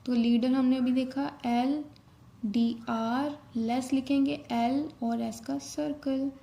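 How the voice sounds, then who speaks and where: High, slow-speaking woman teacher. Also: creaky, mellow. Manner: spells out letters and strokes one by one, mixing Hindi and English. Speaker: shorthand teacher. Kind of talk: step-by-step tutorial explanation.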